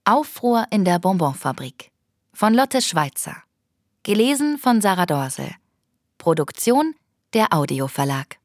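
A woman narrating a children's audiobook in a clear, even storytelling voice. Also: mid-range voice, measured pace, dry recording, studio quality. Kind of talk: scripted narration.

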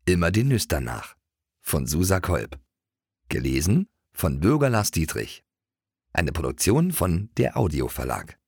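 A man narrating a children's audiobook in an expressive, playful way. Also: low voice, a little slow, slightly rough, no echo, studio quality. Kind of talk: scripted narration of a children's book.

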